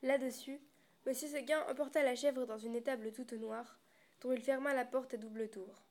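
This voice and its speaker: A woman reads a storybook aloud at a steady pace, stumbling and restarting now and then. Her voice sits a little high. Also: moderate pace. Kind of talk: storybook reading.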